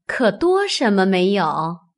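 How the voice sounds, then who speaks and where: A woman voicing a shrewd, sharp-tongued noble mistress in an audiobook of a classic novel, with an arch, needling manner. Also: medium pitch, sing-song, slow.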